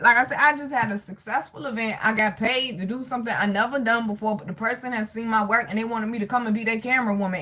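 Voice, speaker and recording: A tarot livestreamer with a high-leaning, bright, forceful voice chats casually through viewer comments. She's sassy, blunt and swears freely, addressing viewers as honey and baby.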